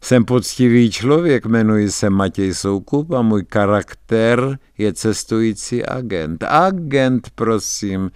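A man's voice: lowish voice, darkish tone, smooth, no room sound, studio quality, close to an everyday voice. A man voicing a fawning, overly polite old male traveling wine salesman in a dramatic radio story reading.

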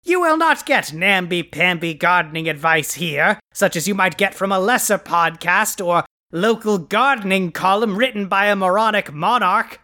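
A performer playing a boastful male supervillain who hosts a podcast, delivering grandiose, insulting proclamations with a quick temper. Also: mid-range voice, lively intonation, bright, forceful tone. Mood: pompous. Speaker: podcast host. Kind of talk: comic scripted podcast.

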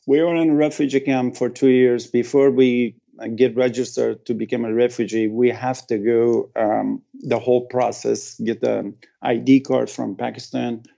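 A middle-aged man from Afghanistan recounts a personal story in an interview, speaking haltingly with broken phrasing and emotional pauses. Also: medium pitch, fairly even intonation, gravelly, dark tone, lo-fi sound. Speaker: guest.

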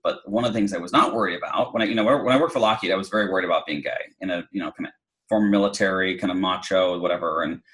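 A man's voice: low voice, rapid-fire, fairly bright tone, poor audio. A middle-aged man telling a personal story in an interview, chatty, with many fillers and restarts. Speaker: guest.

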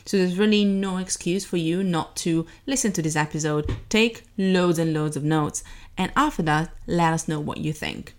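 A woman's voice: on the low side, normal speed, darkish tone. A woman hosting a marketing podcast, introducing an episode and her guest in an upbeat, chatty way. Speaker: podcast host.

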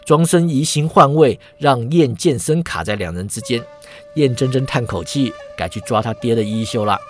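A man's voice: mid-range voice, lively intonation, moderate pace, soft background music. A man narrating a serialized martial-arts story with a dramatic telling.

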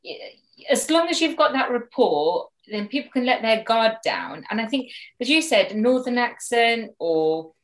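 A woman's voice: a little high, animated, a little slow. A woman mediator, a guest in a conversational interview, talking animatedly and acting out the voices she quotes.

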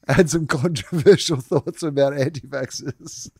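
A man co-hosting a comedy sports podcast in casual, animated chat, swearing freely and laughing often. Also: on the high side, unhurried, gravelly, slightly rough, dry recording, studio quality. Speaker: podcast co-host.

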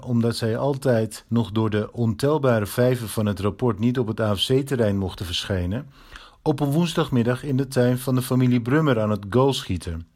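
A man's voice: mid-range voice, a little mellow. Man reading a storybook aloud. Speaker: narrator.

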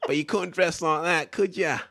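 A man's voice: on the high side, fairly even intonation, normal speed, gravelly, fairly bright tone, no room sound, pitched above the performer's own voice. A man voicing a foul-mouthed older East End boxing geezer with a Cockney accent, blunt and mocking, in a comic podcast rant. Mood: blunt, boastful. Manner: blunt, mocking, sweary banter.

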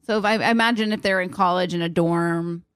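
A woman co-hosting a podcast, talking in relaxed, casual asides. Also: on the low side, fairly quick, clear, resonant tone, no echo, studio quality. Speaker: podcast co-host. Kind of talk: casual chat.

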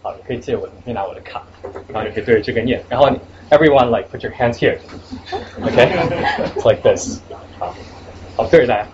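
Young guy speaker, halting, fillers, muffled recording with noise behind. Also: medium pitch. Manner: hesitant, many fillers, mixes in English words. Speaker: guest speaker at a salon. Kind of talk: casual live presentation. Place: event room before a small audience. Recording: muffled lo-fi live recording with steady background noise.

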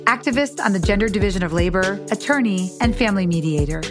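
A woman's voice: medium pitch, animated, fast talker, over music. A woman podcast host reading a scripted promo. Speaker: podcast host, author and attorney.

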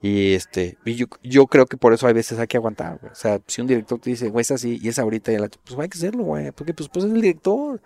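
A middle-aged man with a Mexican accent, casually telling stories as an interview guest, full of slang and swearing, animated when he quotes others. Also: mid-range voice, quick pace, vocal fry, hardly any pauses. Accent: Mexican Spanish.

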